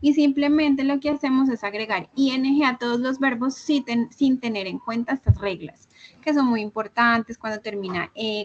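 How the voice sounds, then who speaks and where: A woman's voice: on the high side, lo-fi sound, a little hiss or hum. A woman teacher talking casually to her class over a video call, checking in with them as she explains.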